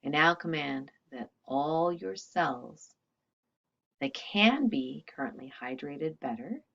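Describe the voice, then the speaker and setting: Casting: woman with a low voice, energy healing teacher, conversational guide, slightly lo-fi audio. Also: animated, takes it slowly, gravelly, a bit bright. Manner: conversational, with frequent asides and check-ins. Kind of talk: casual talk and guided healing session.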